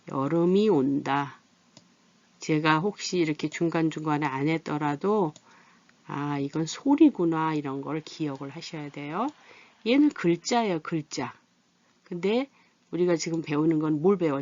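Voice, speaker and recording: Woman, middle-aged, teacher, low voice, patient, dry dull recording. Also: darkish tone, dry recording. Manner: patient, asks questions and answers them herself. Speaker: literacy teacher. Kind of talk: adult literacy lesson.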